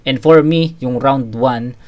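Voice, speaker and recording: A man's voice: medium pitch, takes it slowly, a little mellow. A man reviewing a rap battle in a casual commentary, swearing freely and often restarting his sentences. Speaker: battle judge reviewing a match.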